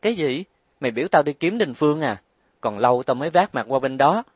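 A man's voice: on the high side, lively intonation, brisk, slightly rough, no room sound, voice pushed up. A man reading an audiobook, voicing a proud, stubborn young wife who complains and talks back. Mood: defiant. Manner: defiant, complaining.

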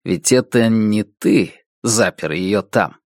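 A man's voice: on the low side, takes it slowly, a little mellow, no room sound. A stern young violinist gives clipped, commanding orders, as a man reading the tale voices him. His tone is harsh and gives no ground. The sound is dry and close. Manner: curt, commanding. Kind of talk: audiobook reading.

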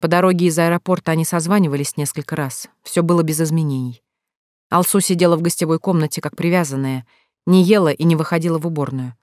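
An audiobook narrator reading a novel in an even, measured storytelling voice. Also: medium pitch, no room sound, studio quality. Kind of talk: scripted narration.

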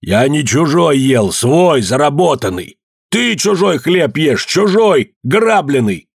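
A man's voice: medium pitch, expressive, a little slow, husky. A man voicing a proud, blunt old beekeeper. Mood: defiant. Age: older. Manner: blunt, shouting.

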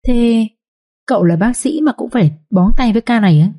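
A woman's voice: on the high side, lively intonation, a little fast, pitched above the performer's own voice. A woman doing a sly, mocking young maid. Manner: mocking, sharp-tongued.

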